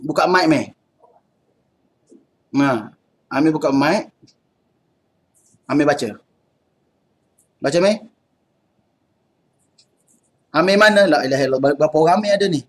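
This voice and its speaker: A man with a Malaysian accent runs an online class over a computer mic. His voice is a little high and husky. He keeps it loose and chatty, joking with his students. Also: a little slow, pauses often. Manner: casual, chatty, laughs often. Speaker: Arabic teacher. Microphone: computer mic on video call.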